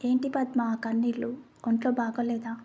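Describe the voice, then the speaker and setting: A patient husband in a narrated story, as a woman puts him on speaks gently and consoles his wife. The voice is mellow and breathy. It moves little in pitch. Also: level tone, normal speed. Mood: gentle. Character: caring middle-aged husband, patient and gentle.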